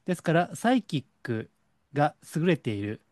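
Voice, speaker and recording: Middle-aged kansai guy lecturing, pitch jumping all over, dry close sound. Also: no echo. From Kansai, Japan. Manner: lecturing, animated, slows for stress. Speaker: psychic counselor. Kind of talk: solo monologue to camera.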